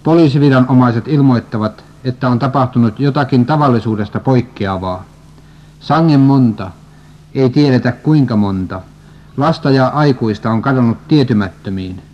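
A man steadily reading a religious prophecy story and scripture aloud, at an even pace, on a dull lo-fi recording. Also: mid-range voice. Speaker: reader.

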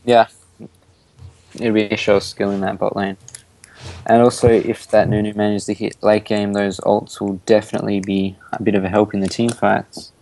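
A teenage boy with an Australian accent, commentating a school esports match in a relaxed, easygoing way. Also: fairly low pitch, moderate pace, slight background noise, poor audio. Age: teens. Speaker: student shoutcaster.

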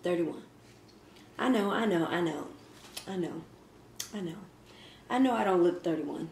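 A woman in her thirties with a fairly low, gravelly, darkish voice talks a little slowly but with lively intonation. As a mukbang vlogger, she eats while casually answering questions, laughing often and speaking between bites. The recording comes from a fixed camera across a table in an echoey indoor kitchen with faint ambient noise.

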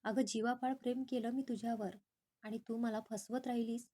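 A woman's voice: a little high, steady tone, normal speed, mellow, lightly acted. Woman reading an angry young man. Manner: angry, harsh.

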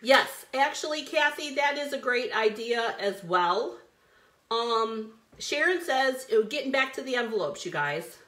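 A woman's voice: a little high, lively intonation, measured pace, fairly bright tone. A woman hosting a live card-making stream, chatty and bubbly, greeting viewers by name as she works. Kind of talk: live crafting stream chat.

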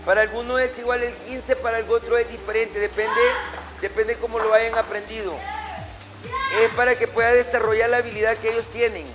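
With music in the background, a very high-voiced man keeps a level tone and speaks a little fast. He is a middle-aged martial arts teacher calling out drills and corrections, his orders short, commanding and repeated, inside a matted indoor gym.

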